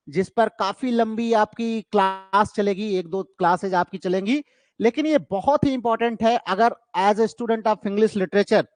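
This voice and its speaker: A man with an Indian accent lectures on literature for exam students in a strikingly high voice. He poses a question, answers it himself, and slows down to read the English terms. The sound is close and dry, with no room around it. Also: no echo. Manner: explains step by step, asks and answers his own questions.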